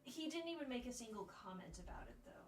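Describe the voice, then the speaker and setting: A woman co-hosting a casual movie review chat, animated and often acting out lines from scenes. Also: fairly high pitch, quick pace. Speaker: co-host. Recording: echoey room.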